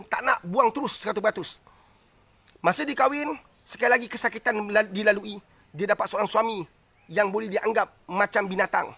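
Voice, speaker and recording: A Malaysian man hosts a live stream, telling a story in an earnest, repetitive way and often checking in with his viewers. His voice sits high and sounds bright and husky. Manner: earnest, repetitive, rhetorical asides.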